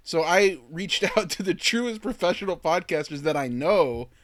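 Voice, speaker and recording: A man's voice: sits high, expressive, normal speed, dry recording. A man hosting a podcast in casual chat, boastful and joking, swearing freely. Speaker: podcast host.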